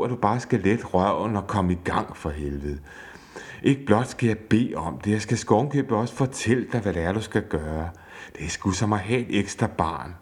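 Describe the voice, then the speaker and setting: An exasperated wife who scolds and swears at her husband over the housework, as a man reads her lines in a deep voice. She sounds worn out and impatient, tired of asking. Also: darkish tone, natural voice. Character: fed-up wife, angry and nagging.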